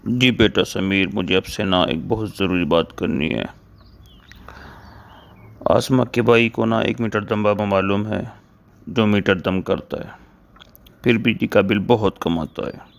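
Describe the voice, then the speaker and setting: A man's voice: lowish voice, fairly even intonation, vocal fry, pauses often. An actor playing a gullible, easily offended old grandfather who scolds and complains in a comedy skit. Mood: coaxing.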